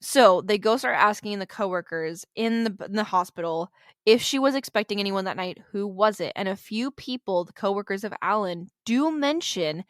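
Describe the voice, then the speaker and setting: A woman's voice: medium pitch, animated, normal speed, no echo, studio quality. Chatty woman telling a true-crime story. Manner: chatty, swears freely, drops in jokes and asides. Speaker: podcast host.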